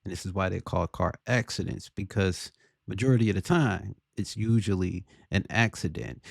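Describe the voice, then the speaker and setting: A man giving casual opinion commentary on a video, deliberately, often checking for agreement with rhetorical questions. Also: low voice, gravelly, darkish tone, dry recording, clean studio sound.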